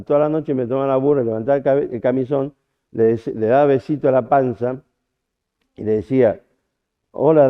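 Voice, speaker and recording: A man with an Argentine accent preaching at a church camp, telling a personal story in a chatty way, full of restarts and acted-out quotes. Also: mid-range voice. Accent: Argentine Spanish. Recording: tinny phone-like audio.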